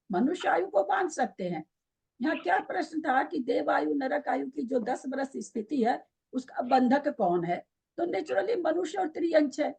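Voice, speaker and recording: A woman's voice: high-pitched, gravelly, darkish tone. A woman teaching a scripture class online, questioning her students and patiently explaining by repeating the key terms.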